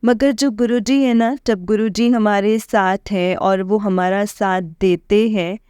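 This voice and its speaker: A woman's voice: medium pitch, steady tone, takes it slowly, darkish tone, smooth, no room sound, clean studio sound. A young woman, earnestly and emotionally sharing her devotional experiences with listeners, often addressing them directly. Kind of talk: personal devotional testimony.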